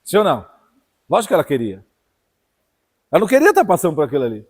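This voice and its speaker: A Brazilian man from São Paulo preaching a fiery sermon, swinging from hushed asides to loud outbursts and calling out to his listeners. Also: a little high, huge pitch swings, very fast, husky. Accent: Brazilian Portuguese, São Paulo. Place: church hall. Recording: long church hall reverb.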